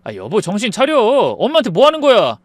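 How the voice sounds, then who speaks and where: Woman doing a lower, placating young husband. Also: huge pitch swings, quick pace, no echo. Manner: pleading, exasperated. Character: weak-willed young husband, placating his mother.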